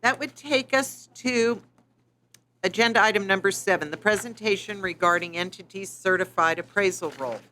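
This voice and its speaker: A woman's voice: mid-range voice, sharp tone. Woman, board chair, procedural, calls votes, faint room noise. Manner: brisk, procedural.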